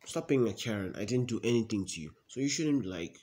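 A man's voice: on the low side, lively intonation, fairly quick, mellow. A man playing a self-absorbed young brother in a comedy sketch, rambling defensively with many fillers.

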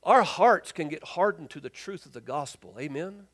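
A man with a high voice preaches a sermon in a church. He tells the passage like a story, playing each character in quick, lively voices. For the key points he drops low and quiet. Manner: animated storytelling, acts out the people in the text in quick lively voices. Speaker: pastor. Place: church sanctuary.

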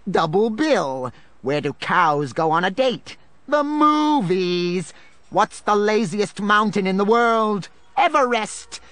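An actor playing a gleeful, taunting villain obsessed with riddles in a children's audio drama, theatrical in delivery. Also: male voice, high-pitched, lively intonation, slow pace, a bit bright, dry recording, exaggerated voice. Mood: irritated, gloating.

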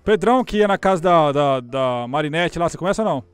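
A young Brazilian man with a Brazilian Portuguese accent giving casual, joking gameplay commentary, swearing and bursting into shouts. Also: a little high, lively intonation, quick pace, smooth, soft background music. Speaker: gamer streamer.

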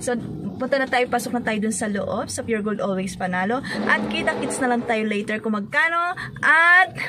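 A woman's voice: a little high, moderate pace, background noise. A woman in her thirties vlogging in a bubbly, playful way from inside a parked car, speaking into a phone held at arm's length. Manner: bubbly, playful, laughing often, sing-song greetings. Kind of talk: casual chatty vlog. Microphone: phone camera held at arm's length.

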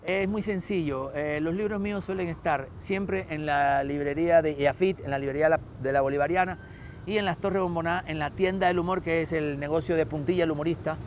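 Fast-talking Cuban man telling stories. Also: on the high side, a little hiss or hum. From Cuba. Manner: animated anecdotes, acting out dialogue. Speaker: guest, author and humorist. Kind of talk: storytelling interview.

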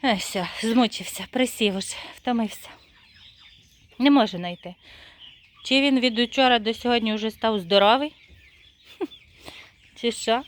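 A woman chatting casually in her yard while tending her birds, laughing often and calling them in a high singsong. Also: measured pace, long pauses. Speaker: poultry-keeping vlogger. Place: outdoor yard with poultry.

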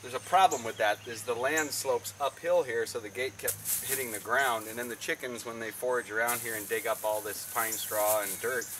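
A man's voice: medium pitch, fairly even intonation, normal speed, few pauses, pushed and bright. A man, explaining a home repair project in plain, practical terms outdoors. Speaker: DIY video host. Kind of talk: casual how-to narration. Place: outdoors in a backyard. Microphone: camera mic from a few feet away. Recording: outdoor camera audio with insect noise.

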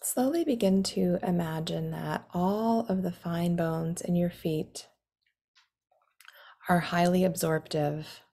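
Guiding a meditation very slowly and without hurry, a woman speaks in a low, mellow voice. Her soothing instructions sometimes soften into breathy near-whispers.

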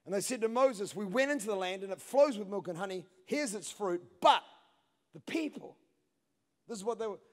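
A man in his thirties preaching a sermon on a large church stage into a handheld mic, swinging between hushed passages and shouted peaks. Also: high-pitched, lively intonation, normal speed. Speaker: pastor. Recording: long hall reverb.

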